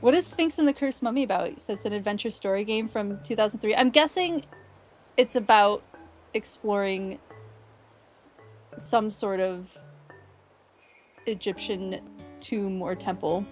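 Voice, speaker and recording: A woman's voice: mid-range voice, measured pace, pauses often, faint music behind, low-quality recording. A woman hosting a livestream, chatting casually and cheerfully with viewers while she plays a cozy game. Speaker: livestream host.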